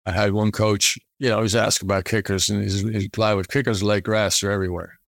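A man's voice: fairly low pitch, flat delivery, fast, vocal fry, no echo, clean studio sound. A man, a former kicker, reflecting in an interview in short, plain statements.

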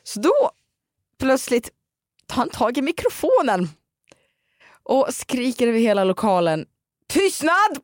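A woman's voice: on the high side, long pauses, dry recording, studio quality. Chatty Swedish woman telling a story. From Dalarna, Sweden. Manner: animated storytelling with many restarts and fillers. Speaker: podcast host. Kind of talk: casual chat.

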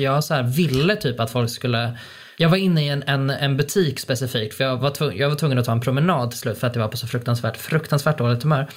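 A podcast co-host chatting casually, laughing often and dropping in English phrases. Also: mid-range voice. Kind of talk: casual chat.

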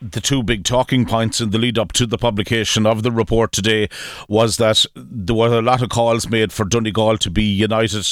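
A man with an Irish accent putting measured, formal questions as a radio news interviewer. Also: fairly low pitch, steady tone, no echo.

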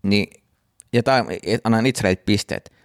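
A man's voice: on the low side, no room sound, studio quality. A man co-hosting a casual podcast, telling stories and acting out the people in them. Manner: animated storyteller, acts out shouted quotes. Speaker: podcast co-host. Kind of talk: casual chat.

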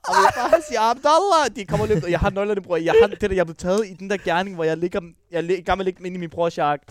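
A man's voice: sits high, fairly even intonation, darkish tone. A man co-hosting a podcast, animatedly telling a funny story and laughing through it. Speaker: podcast co-host.

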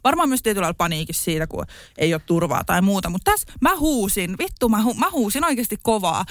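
A woman's voice: mid-range voice, sing-song, dry recording. A young woman on a podcast telling her own story in casual chat, candid, laughing often and swearing freely.

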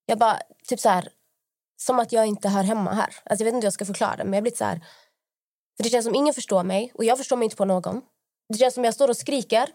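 A woman's voice: a little high, a little mellow, no room sound, clean studio sound. A young woman co-hosting a podcast, telling rambling stories in casual chat, full of fillers and acted-out quotes. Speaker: podcast co-host.

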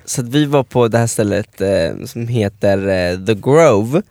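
A man's voice: lowish voice, no echo, studio quality. A young man, co-hosting a casual podcast and telling a story with lots of laughter and acted-out quotes. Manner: animated storyteller, laughs often, acts out quotes. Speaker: podcast co-host.

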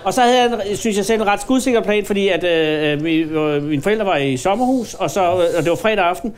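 A man's voice: high voice, animated, smooth. A man in his fifties, a podcast host, telling a story in casual chat with many fillers and hesitations. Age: 50s.

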